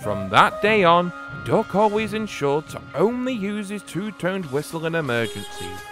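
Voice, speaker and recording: A man narrating a storybook tale about engines in a gentle, unhurried way. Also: sits high, big pitch swings, music in the background.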